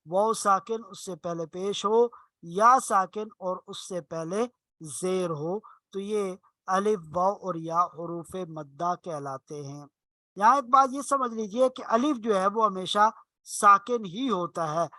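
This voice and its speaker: A man's voice: sits high, bright, forceful tone, dry recording. A man teaching an online Arabic class, patiently explaining rules step by step and stretching out example words. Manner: drawn-out slow example words.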